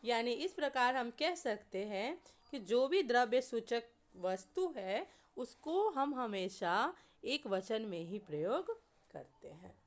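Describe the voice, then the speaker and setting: A woman's voice: fairly high pitch, very animated, slow pace. A woman teaching a grammar lesson, who lists examples one word at a time and asks questions that she answers herself. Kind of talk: slow explanatory classroom lesson.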